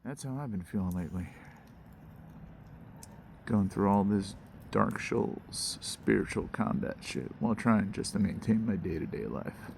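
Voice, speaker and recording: A man's voice: on the low side, animated, a little slow, vocal fry, slight background noise. A man giving a casual, rambling fireside monologue to viewers in slangy, musing talk, recorded outdoors by a campfire. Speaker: host.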